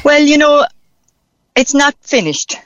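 A woman's voice: high-pitched, animated, takes it slowly, fairly bright tone, no room sound. A woman with a Cork accent, chatting in an upbeat, colloquial way as a musician interviewed on a radio phone-in. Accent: Cork Irish. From Cork, Ireland. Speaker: musician, street performer being interviewed. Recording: dull, band-limited phone call.

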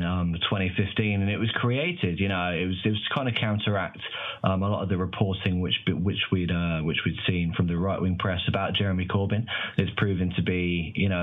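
A man answers interview questions in a deep voice. He explains things in a measured, articulate way, and the sound is narrow like a phone call. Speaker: interview guest, news site editor.

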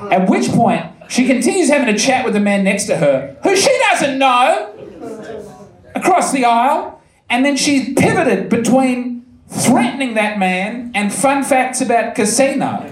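A man doing a lively stand-up set, telling a story with animated, sometimes loud delivery. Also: extremely high pitch, unhurried. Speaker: stand-up comedian. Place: comedy venue with live audience. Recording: echoey live room with audience.

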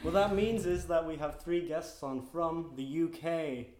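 A man's voice: a little high, steady tone, measured pace, darkish tone. Male podcast host in an echoey room. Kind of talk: casual podcast hosting.

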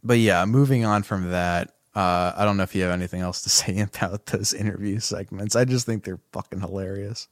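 A relaxed man with a fairly low voice talks through a movie with a friend, swearing freely and laughing as he goes. The recording is dry and close. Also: a little fast, few pauses, no echo. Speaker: podcast co-host. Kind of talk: casual film review chat.

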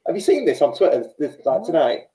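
A man's voice: fairly high pitch, sing-song, fast, a crowd in the background. An English man hosting a football fan podcast, chatting casually in a matey, informal way. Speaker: podcast host. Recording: roomy, echoey voice.

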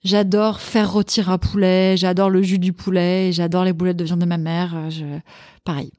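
Enthusiastic woman with a low voice. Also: normal speed, dry recording, clean studio sound. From Sweden. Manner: enthusiastic, animated storytelling. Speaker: podcast guest, cookbook author. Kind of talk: casual chat.

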